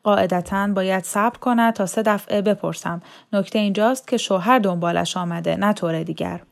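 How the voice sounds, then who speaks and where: A woman's voice: medium pitch, gravelly, lightly acted. A woman reading as a formal male mullah. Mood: businesslike. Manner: formal, measured officiating tone. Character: formal middle-aged male mullah officiating.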